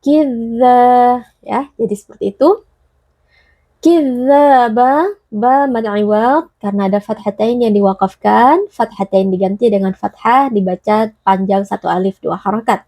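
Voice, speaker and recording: A woman teaching Quran recitation rules, explaining calmly and chanting each word slowly. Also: mid-range voice, dry recording. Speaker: tajwid teacher.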